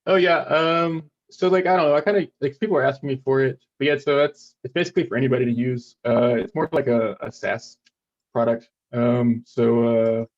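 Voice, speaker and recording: A man's voice: medium pitch, a little fast, dull audio. A man student casually demoing his project, rambling with lots of fillers and offhand remarks.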